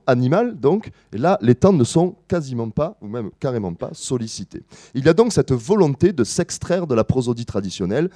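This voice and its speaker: Male academic lecturer, animated pitch, mellow tone, explanatory delivery with fillers and self-corrections. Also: no echo, studio quality. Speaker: musicology lecturer. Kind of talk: academic presentation to a live audience.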